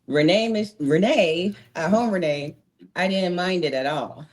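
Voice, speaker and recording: A woman's voice: lowish voice, a little slow, darkish tone. A woman in her thirties, a former wrestler talking as an interview guest, candid and outspoken, often laughing. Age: 30s. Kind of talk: casual interview chat.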